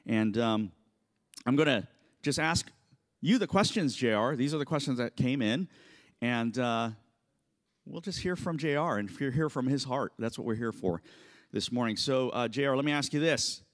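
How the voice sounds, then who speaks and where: A man's voice: medium pitch, lively intonation, moderate pace. A middle-aged man moderating a church Q&A on stage, talking casually with many fillers into a handheld mic.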